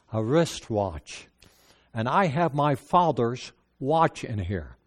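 Older Dutch man, native Dutch speaker, English with a Dutch accent; preaching personal testimony, halting, lots of restarts and fillers. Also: medium pitch. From Netherlands.

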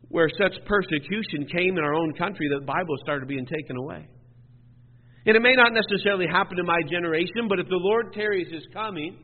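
A man preaching a sermon as pastor, urging his congregation with earnest, repeated exhortations that swell to emphatic peaks. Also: high voice. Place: church sanctuary. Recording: phone-like sound in a reverberant church hall.

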